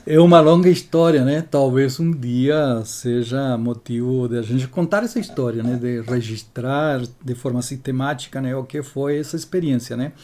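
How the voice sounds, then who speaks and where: A man in his sixties from Chile, telling his life story as an interview guest in a measured way, often adding tag questions. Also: mid-range voice, dark tone. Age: 60s.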